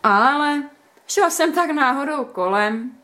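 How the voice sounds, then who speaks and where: A woman's voice: sits high, animated, pushed and bright, pitched above the performer's own voice. Casting: cheeky storybook lad, read by a woman, teasing and playful. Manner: teasing, mock-gallant, playful. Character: teasing, cheeky young man, the story's first-person hero. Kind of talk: storybook reading.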